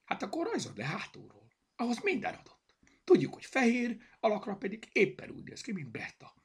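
A man voicing an excitable know-it-all toy rabbit in a children's storybook, with a high, squeaky voice. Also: slightly rough, heavily acted. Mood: eager.

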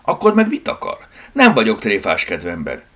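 A sharp, impatient young woman on the phone in a storybook reading, as a male narrator puts her on. Her voice rides well above his own, gravelly and husky, loud and swooping widely. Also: fairly low pitch, huge pitch swings, voice pushed up, heavily acted. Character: young woman, impatient and anxious cat owner.

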